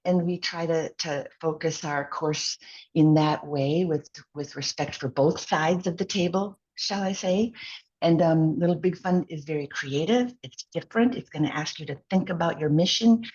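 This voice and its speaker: A woman's voice: sits low, moderate pace, darkish tone, husky. A woman co-facilitating a course, introducing herself on a video call in a rambling, self-effacing way. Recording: dull lo-fi video-call audio.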